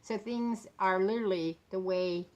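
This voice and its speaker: In a steady, darkish, mid-range voice at normal speed, a woman in her late fifties chats about books and authors for her vlog. She rambles, sounds tired, has a sore throat, and talks a little funny because of a swollen lip.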